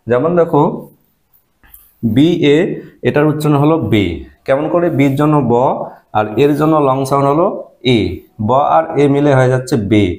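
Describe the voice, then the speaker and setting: A man teaching a beginner English reading class. He spells out letters, sounds out each syllable and repeats words slowly, checking in often. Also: on the high side, a little mellow. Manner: patient, repeats each word slowly, checks in with "all right?". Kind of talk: step-by-step phonics lesson.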